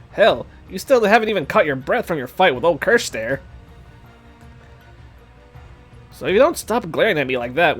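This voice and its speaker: A man's voice: fairly high pitch, a bit bright, slightly rough, exaggerated voice. A man voicing a sly, smug young man who drawls and threatens casually while reading game dialogue. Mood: mocking. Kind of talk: reading a game's dialogue aloud.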